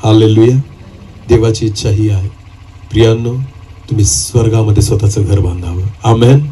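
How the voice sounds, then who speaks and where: A man's voice: lowish voice, fairly even intonation, normal speed, dark tone, a little hiss or hum, rough recording. A man preaching a sermon as pastor, his voice climbing in urgent bursts and punctuated by calls of hallelujah.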